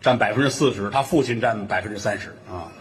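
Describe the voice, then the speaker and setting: A man performing Chinese crosstalk comedy, telling a teasing story and jumping into shrill character voices. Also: quick pace, long reverb tail.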